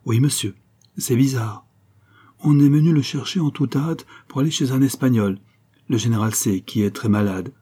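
A man's voice: mid-range voice, moderate pace, dark tone, slightly rough, lightly acted. A man reading aloud, voicing a deferential male household servant. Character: polite male household lackey.

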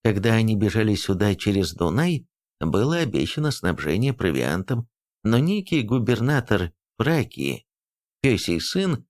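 A man reading a novel aloud as a narrator, in an even storytelling manner. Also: fairly low pitch, moderate pace. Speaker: audiobook narrator. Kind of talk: scripted narration.

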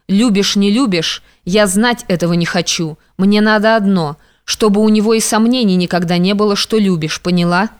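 A woman's voice: medium pitch, normal speed, hardly any pauses, clear, resonant tone, close to an everyday voice. A woman reading an audiobook, voicing a stern, domineering young man who speaks harshly and commandingly.

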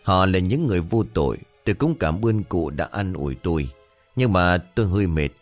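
A man voicing a desperate middle-aged village chief and worried father, in a deep, earnest, pleading tone. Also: expressive, brisk, faint music behind. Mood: weary.

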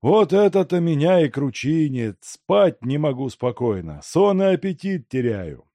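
A man's voice: on the high side, very animated, a little slow, dark tone, no room sound, pitched above the performer's own voice. Man doing a fretful old father. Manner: fretful, pleading. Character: worried old merchant father, fussy and anxious.

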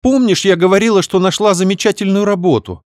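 Guy doing a squeaky chirpy young sister, fast and wheedling, dry sound. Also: no room sound, natural voice. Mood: pleading, cold. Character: bubbly scheming young woman, the sister.

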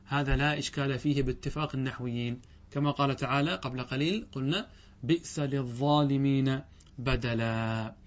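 A man teaching a grammar lesson. He reads lines of a text slowly, then explains them, often asking a question and answering it himself. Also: mid-range voice, a bit bright.

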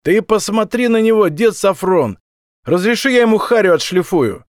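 Man acting young thug, hot-tempered, shouting, crude, high strained voice, dry sound. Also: expressive, normal speed, dry recording. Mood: furious yelling. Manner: yelling, crude, furious.

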